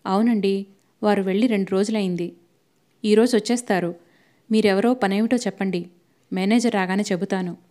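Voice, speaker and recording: A woman voicing a rough, hoarse male office clerk who answers the phone bluntly in a storybook reading. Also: medium pitch, steady tone, normal speed, long pauses, warm tone, lightly acted.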